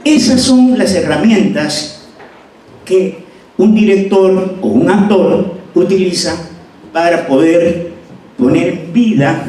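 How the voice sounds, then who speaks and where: Middle-aged Peruvian male acting teacher, mellow and somewhat high, demonstrating lines with flair, recorded far off in an echoey hall. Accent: Peruvian Spanish. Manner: animated, acts out words to demonstrate emphasis. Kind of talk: seminar lecture. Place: lecture hall. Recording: echoey room, voice from far off, faint noise.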